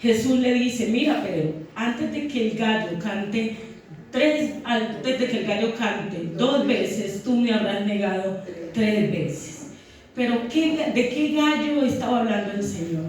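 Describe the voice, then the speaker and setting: A woman's voice: on the high side, expressive, slow pace, darkish tone, slight background noise. Woman preaching in an echoey church. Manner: teaching, asks congregation questions. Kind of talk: sermon. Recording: echoey church hall, mic from far off.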